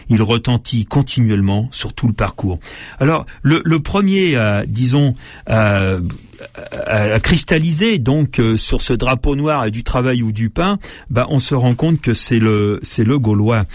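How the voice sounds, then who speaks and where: A man's voice: medium pitch, animated, unhurried, a little mellow, dry recording, clean studio sound. A man reading aloud from old newspapers and breaking off to comment, with many fillers and restarts. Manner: hesitant, many fillers and restarts between read passages.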